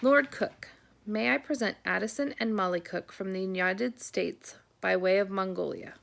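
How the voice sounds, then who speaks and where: A woman's voice: mid-range voice, moderate pace, creaky, a bit bright. A woman reading the lines of a formal male butler announcing guests in a raised voice.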